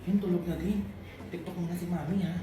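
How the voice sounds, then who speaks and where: A woman's voice: lowish voice, steady tone, fast talker. A woman acting out a comedic family sketch, switching between a nagging mother and her child, over background music in an echoey room. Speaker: comedy skit creator. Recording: roomy echo with background music.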